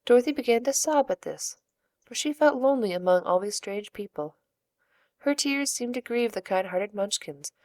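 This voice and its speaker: A woman narrating a storybook in a calm, even manner. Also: a little high, no echo. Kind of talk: storybook reading.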